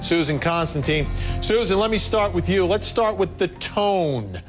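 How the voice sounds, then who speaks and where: A man hosting a cable news show, introducing guests and asking them brisk, probing questions. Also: sits high, animated, over music.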